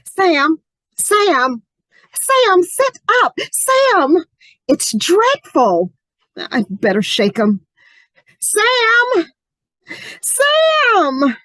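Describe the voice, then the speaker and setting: A woman's voice: extremely high pitch, huge pitch swings, drawn-out words, long pauses, a bit bright, no echo, exaggerated voice, poor audio. A woman playing a fretful housewife and hostess in an amateur radio mystery. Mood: alarmed. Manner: hesitant, stammering when questioned. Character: shocked, fretful housewife hostess and new widow.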